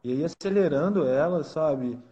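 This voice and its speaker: A man's voice: a little high, moderate pace, warm tone. Man hosting a chat. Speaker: host. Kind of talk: casual live chat.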